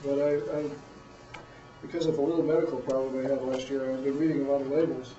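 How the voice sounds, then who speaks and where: A middle-aged man giving blunt, plain-spoken, halting feedback as a judge of a student presentation. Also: mid-range voice, flat delivery, dark tone, faint music behind. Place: room, far from the microphone. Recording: roomy, dull, distant microphone.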